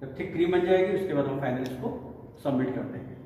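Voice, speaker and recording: Male lab instructor, higher voice, heard from a distance in a very echoey room with a long tail of reverb and faint background hiss. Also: fast, mellow. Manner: asks questions then answers them himself. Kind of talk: classroom lab lecture.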